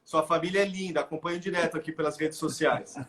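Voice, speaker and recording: Man, Brazilian Portuguese accent, middle-aged, interview guest, animated, restarts a lot, raised pitch. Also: quick pace. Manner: animated, with frequent "né?" tags and restarts. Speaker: guest expert. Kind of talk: conversational explanation in a live interview.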